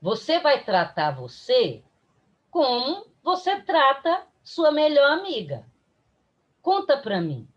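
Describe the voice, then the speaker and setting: Speaking slowly, her high voice swooping wildly in pitch, a Brazilian Portuguese-accented woman delivers a spiritist lecture online over lo-fi audio. She addresses her listeners directly, with an emphatic, incisive edge.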